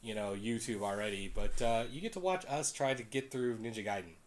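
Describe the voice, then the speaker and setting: A man's voice: lowish voice, brisk. Laid-back teasing man hosting a game. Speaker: host playing a video game. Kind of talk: casual gaming chat.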